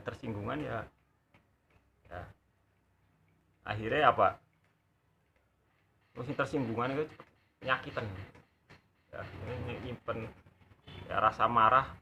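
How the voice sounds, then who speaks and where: Gravelly, bright-voiced man with a Javanese accent, a folksy, joking religious teacher. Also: mid-range voice, slight background noise. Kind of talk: religious study lesson.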